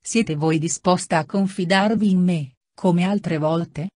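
A woman reading an audiobook, voicing an old, frail and kindly male friar with a grave, gentle manner. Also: lowish voice, slow, no echo, clean studio sound.

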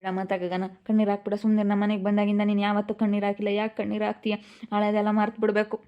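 A woman playing an older relative who consoles a crying girl in a soothing, steady voice, recorded muffled from a distance. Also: mid-range voice, racing, clear, resonant tone, natural voice. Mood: consoling.

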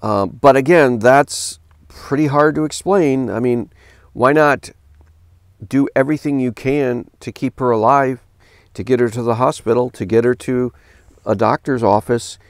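A man's voice: measured pace, no room sound, studio quality. A middle-aged man, a pastor, reading a news article aloud and stopping to question it in an earnest voice, at a desk in a home office. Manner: earnest, questioning, reads quotes in a lower flat tone. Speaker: pastor commentator.

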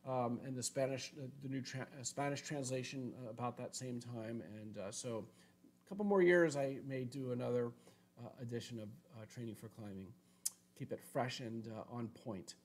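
A man in his sixties, a climbing coach hosting a casual live question-and-answer show from a room at home, relaxed and thinking aloud with many fillers. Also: mid-range voice, normal speed. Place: home room with shuttered windows. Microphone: webcam video call framing.

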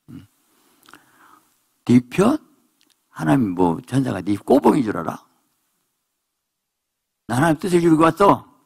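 Male pastor, lively gravelly sermon delivery with husky edge, acts out the voices he quotes. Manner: animated preaching, voices characters in quotes, jumps to high exclamations. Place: prayer retreat hall.

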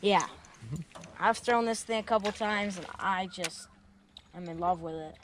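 A young male angler chatting casually on a small river boat, chiming in eagerly with quick agreement. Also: sits high, fairly bright tone. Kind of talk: casual chat. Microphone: action camera on the boat. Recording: outdoor camera mic with noise.

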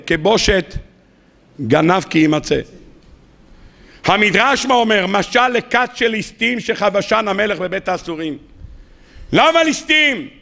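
A man, a rabbi, giving a sermon, asking rhetorical questions and swinging between loud rises and quiet drops. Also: high-pitched, creaky.

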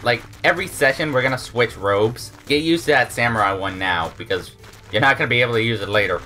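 A man playing a game with friends, excitable and swearing, guiding the others. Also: mid-range voice, fast, faint music behind. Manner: excitable, swearing, bossy guide. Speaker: gamer. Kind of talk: casual let's-play chat.

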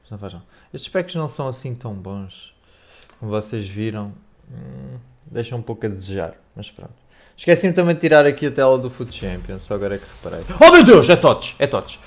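A young man with a European Portuguese accent commentating his own pack openings in a chatty, excitable way, talking straight to his viewers. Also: lowish voice, a little fast, vocal fry. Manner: animated, shouts and laughs over big pulls, chatty asides to chat. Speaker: gaming youtuber.

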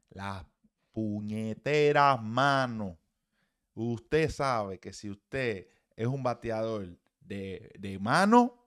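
A man's voice: medium pitch, fairly bright tone. A man, a baseball hitting coach, giving blunt, profane, emphatic swing-analysis commentary.

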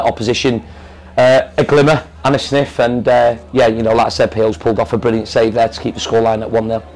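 A man's voice: medium pitch, a little mellow, poor audio. A man in his forties, a football manager, talking candidly after a match with many fillers and restarts in front of a sponsor board. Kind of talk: post-match interview.

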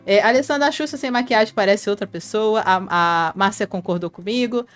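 A woman's voice: mid-range voice, a little fast, soft background music. A Brazilian woman hosting a casual live stream, reading viewer comments aloud and chatting to fans by name, laughing often. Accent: Brazilian Portuguese. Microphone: headphone mic.

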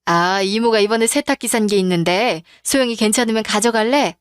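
A woman's voice: mid-range voice, fairly quick, clear, resonant tone, dry recording, studio quality, close to an everyday voice. A woman voicing a generous middle-aged aunt who talks in a breezy, teasing way.

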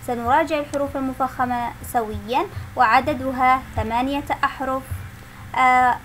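Young female teacher, high voice, slow emphatic letter drills for kids, faint noise behind. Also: rough recording. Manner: slow, emphatic letter-by-letter recitation, stressing heavy letters loudly. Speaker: Quran recitation teacher. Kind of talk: children's lesson on letter pronunciation.

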